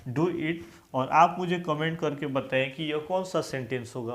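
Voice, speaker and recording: A male English grammar teacher with a Hindi accent, giving a classroom-style lesson and repeatedly asking questions so students answer aloud. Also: on the high side.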